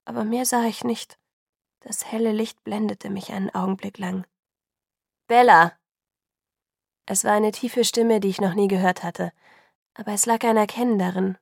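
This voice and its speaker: A woman narrating a story in a subdued, hushed way, often sinking into a whisper. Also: medium pitch, steady tone, moderate pace, vocal fry, breathy edge, no room sound, studio quality. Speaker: audiobook narrator. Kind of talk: scripted narration.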